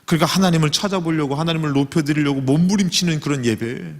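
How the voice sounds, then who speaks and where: A male pastor preaching to a young adults' service, animated, acting out quoted prayers and speech in his own voice. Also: fairly high pitch, fast talker. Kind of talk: sermon to a youth service. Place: church sanctuary. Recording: long reverb of a church hall.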